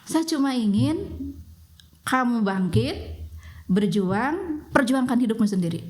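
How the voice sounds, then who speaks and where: A man's voice: very high voice, animated, unhurried. A woman voicing a blunt, earnest teenage schoolboy from her school days, who speaks.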